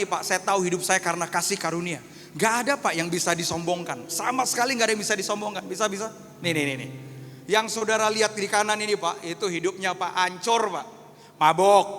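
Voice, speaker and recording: A male pastor in his thirties preaching a storytelling sermon to a congregation, moving between hushed and fervent delivery. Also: sits high, a little hiss or hum. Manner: storytelling, addresses congregation as Pak and saudara; swings from hushed to loud, fervent. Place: church hall. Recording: long echo of a church hall.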